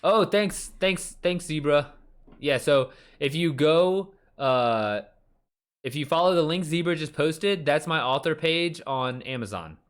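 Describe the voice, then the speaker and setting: A man's voice: a little high, expressive, unhurried, smooth. Thirties male author-streamer, loose and rambling, restarts his sentences, chats with viewers. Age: 30s. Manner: rambling, chatty, many fillers and restarts; talks back to chat readers. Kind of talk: casual live-stream chat. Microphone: streaming mic.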